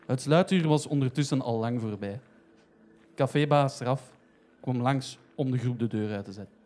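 A man's voice: mid-range voice, normal speed, a little mellow. Man narrating a comic story.

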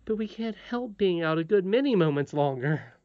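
A woman's voice: fairly low pitch, lively intonation, moderate pace, no echo, dull audio, pitched above the performer's own voice, lightly acted. A woman voicing a curious, fearless little princess in a storybook, chattering insistently.

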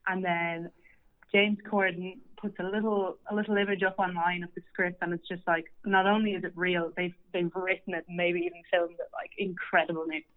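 A woman's voice: fairly low pitch, little pitch movement, brisk. A young woman, a podcast guest and entertainment writer, chatting casually with plenty of fillers and laughs. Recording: slightly dull lo-fi audio.

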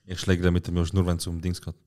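A man co-hosting a podcast, joking around in lively casual banter. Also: low voice. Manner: fast, lively, goofy banter. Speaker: podcast co-host. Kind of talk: casual chat.

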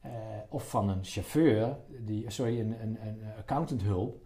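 A man's voice: on the low side, unhurried, dark tone. A middle-aged man explaining things casually in conversation, often restarting phrases and repeating words. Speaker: interview guest, doctor.

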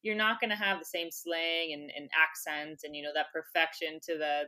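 Her deep voice is bright and forceful, with a steady tone and a moderate pace. She's a former soccer player and native English speaker, guesting on a podcast in a casual conversational interview where she chats, laughs often, and uses many filler words.

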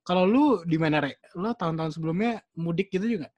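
A woman's voice: fairly low pitch, fast talker, a little mellow, dry recording. Young woman hosting in Jakarta slang, dry sound. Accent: Jakarta Indonesian. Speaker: host. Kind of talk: casual interview chat.

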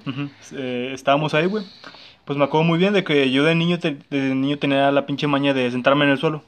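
A man's voice: a little high, quick pace. A young man with a Mexican accent telling a personal story in casual, slangy chat, full of fillers.

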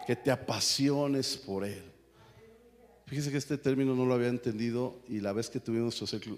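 A man, preaching a sermon as the pastor of a church, at times rising to shouts. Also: mid-range voice, long reverb tail. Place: church hall.

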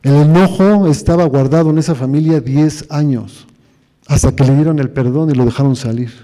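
A man with a slightly high, mellow voice preaches a sermon at a moderate pace, telling stories and putting questions to the congregation. He's in a church hall, and the recording carries its long reverb.

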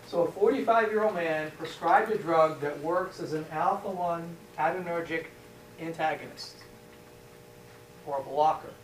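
Picked up from afar in an echoey lecture room with faint hiss, a man with a slightly high, unhurried voice teaches pharmacology. He poses questions to the class and supplies the answers himself.

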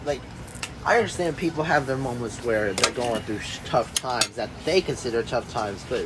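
A man's voice: mid-range voice, moderate pace, very noisy. A young man on a casual podcast, talking earnestly and profanely, mostly agreeing with the others. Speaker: podcast guest.

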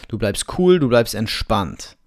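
A man who works as a relationship coach, giving advice to men in a calm, direct podcast monologue and often acting out sample lines of dialogue. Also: on the low side, a little slow.

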